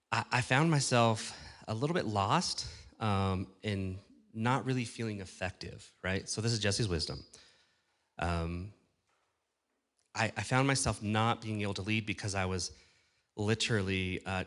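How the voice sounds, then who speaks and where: A man with a fairly low voice gives a relaxed conference talk to a live audience. He speaks conversationally, checks in with questions and jokes about himself, and his voice sounds a bit worn from talking. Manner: conversational, asks the audience questions, self-deprecating. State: losing his voice. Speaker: conference speaker on church production.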